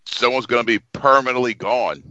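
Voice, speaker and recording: Very bright, sharp-voiced male co-host. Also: mid-range voice, normal speed, no echo, highs cut off. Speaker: podcast co-host. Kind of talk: casual chat.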